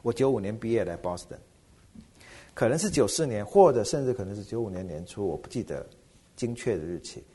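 A middle-aged man, a pastor, preaching a sermon with animated rhetorical questions. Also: fairly low pitch, fairly quick, breathy edge.

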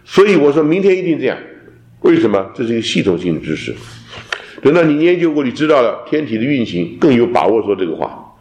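A man teaching a theology class, lecturing in an animated way and dropping in English terms. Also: mid-range voice, fast. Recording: roomy echo.

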